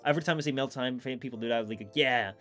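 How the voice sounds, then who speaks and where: A man's voice: mid-range voice, fast, fairly bright tone, soft background music. A man live streaming in a casual, rambling, informal chat with his viewers.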